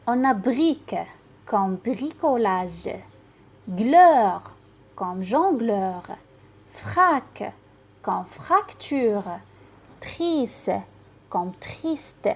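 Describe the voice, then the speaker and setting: A woman teacher with a Moroccan accent slowly reading and sounding out syllables for young children. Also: fairly high pitch, darkish tone, breathy edge. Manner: pronounces syllables slowly and distinctly, spelling out letters. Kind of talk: slow, deliberate reading lesson for children.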